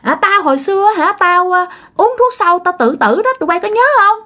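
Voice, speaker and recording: A taunting ghost of a dead older man, bitter and jealous, as a woman storyteller puts him on. The voice is pushed high above her own and rises and falls widely. It comes out loud and menacing, like a spirit shouting through the living. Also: animated, brisk, exaggerated voice. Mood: spiteful.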